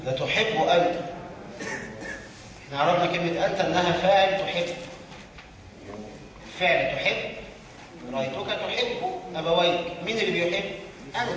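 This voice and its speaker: A man with an Egyptian Arabic accent teaching a grammar lesson to a class, often pausing on a question for students to fill in the answer. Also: sits high, a bit bright. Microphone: distant room mic. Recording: echoey hall from far off.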